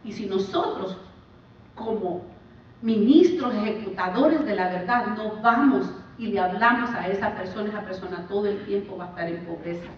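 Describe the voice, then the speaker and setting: A woman preaching a sermon in a church, her delivery swinging between emphatic rises and quiet drops. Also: medium pitch, normal speed, slight background noise. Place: church sanctuary. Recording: echoey far-off church mic, dull sound.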